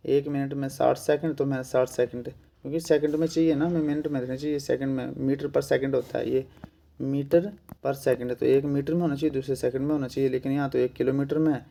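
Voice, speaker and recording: A man's voice: medium pitch, flat delivery, a little fast, vocal fry, warm tone. A man with a Himachali Hindi accent teaching an exam-prep maths lesson, patiently repeating steps and working sums aloud.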